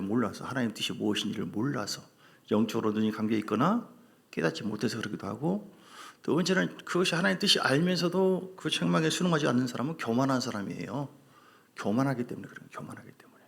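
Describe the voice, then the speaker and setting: A man's voice: mid-range voice, creaky. A male pastor preaching a sermon in an emphatic way, repeating key words and asking rhetorical questions.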